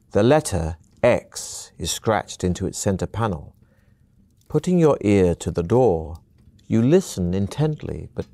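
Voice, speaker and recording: A man giving steady, measured second-person scripted narration for an adventure game. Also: deep voice, no echo.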